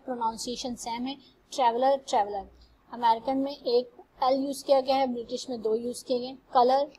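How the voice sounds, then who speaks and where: High-voiced woman teaching a grammar lesson. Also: darkish tone, a little hiss or hum, rough recording. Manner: reads English examples slowly and carefully, then translates. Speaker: English teacher. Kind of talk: classroom lecture.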